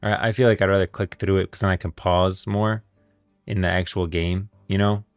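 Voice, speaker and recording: With a deep, smooth, steady voice at a normal pace, this man hosts a livestream, chatting loosely and thinking aloud to viewers. His language is slangy and casual, full of guys and bros, and soft music plays under the dry recording.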